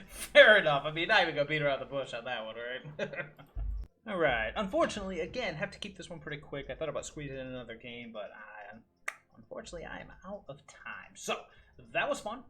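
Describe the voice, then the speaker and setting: Bright-voiced man muttering through gameplay. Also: on the high side, sing-song, fast talker. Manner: muttering thoughts aloud, dry asides. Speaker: gaming video host. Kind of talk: casual gameplay commentary. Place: room at home with window open.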